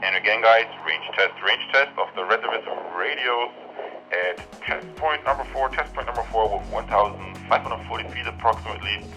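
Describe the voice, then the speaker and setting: This product reviewer tests walkie-talkie range, repeating lines so listeners can judge the signal. His lowish voice is bright and forceful and fairly quick, coming through a low-quality, band-limited radio sound with music behind.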